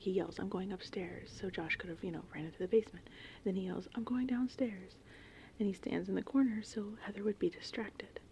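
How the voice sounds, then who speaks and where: An ASMR host, a woman, rambles casually through a movie summary in a breathy, whispered, softly spoken voice on the low side. Steady gentle rain and thunderstorm sounds play behind her, with slight background noise.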